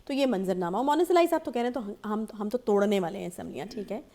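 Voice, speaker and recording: A woman's voice: mid-range voice, expressive, warm tone. A woman from Pakistan hosting a studio talk show, probing her guest and interjecting often.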